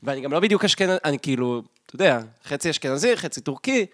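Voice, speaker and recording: Animated Israeli man, lightish voice, casual chat. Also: on the high side, no echo, studio quality. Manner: colloquial, insistent, repeats himself. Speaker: podcast co-host. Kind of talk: casual conversation.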